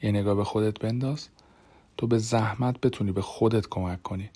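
A man reading the lines of a silent, troubled woman patient who turns on her psychiatrist, in a low, husky voice. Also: fairly even intonation, dark tone. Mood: bitter.

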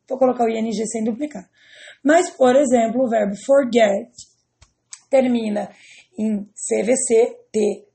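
A Brazilian woman with a slightly high, mellow voice that carries some fry works through a grammar lesson one step at a time. She speaks in a patient, methodical way and keeps checking in with her students. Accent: Brazilian Portuguese. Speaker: English teacher.

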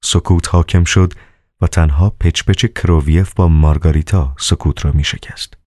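A man narrating a novel as an audiobook in a measured, calm way. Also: low voice, no echo, clean studio sound.

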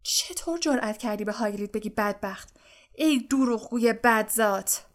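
A woman's voice: on the high side, darkish tone, close to an everyday voice. A woman voicing a clever, fiery teenage witch in an audiobook, speaking with passion. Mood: furious. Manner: passionate, indignant. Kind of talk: audiobook character voice.

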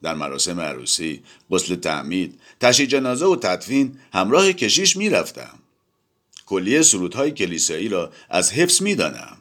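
A man voicing a boisterous, impulsive older man who declaims loudly and exuberantly in a storybook reading. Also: sits low, sing-song, full character voice. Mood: boastful.

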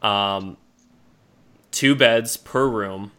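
A man improvising narration as a tabletop game master in a halting, descriptive way. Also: on the low side, sharp tone, clean tone.

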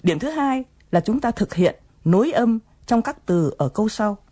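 A woman's voice: a little high, expressive, normal speed, dark tone, breathy edge. A woman presenting an English lesson, explaining phrases patiently and coaxing learners to repeat them.

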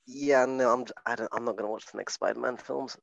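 A man's voice: mid-range voice, fairly even intonation, fast talker, vocal fry, muffled recording. A man who is a podcast guest, chatting casually and teasing his host, swearing now and then, talking into a phone. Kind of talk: casual chat.

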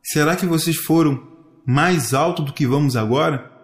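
A man voicing the Creator, a gentle fatherly divine being who asks calm questions. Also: a little high, moderate pace, lightly acted. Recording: echoey room.

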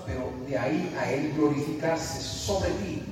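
Fervent pastor in an echoey church hall. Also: male voice, fairly high pitch, unhurried. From Dominican Republic. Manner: fervent, emotional, swings from hushed to shouting. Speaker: guest pastor. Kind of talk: preaching a sermon with live interpretation. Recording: echoey church hall from far off, music behind.

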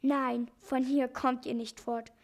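A woman voicing a shaggy, gruff old man in a storybook reading, loud and mocking. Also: high voice, flat delivery, normal speed.

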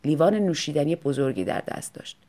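A woman reading an audiobook story in an expressive, lively manner. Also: low voice. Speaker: audiobook narrator. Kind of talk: scripted narration.

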